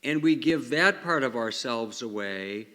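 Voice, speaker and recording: Priest guy giving a thoughtful homily, medium pitch man's voice, big cathedral echo all over it. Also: expressive, a little slow, pushed and bright. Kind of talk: liturgical reading and homily. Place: large reverberant church. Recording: cathedral echo, long reverberant church hall.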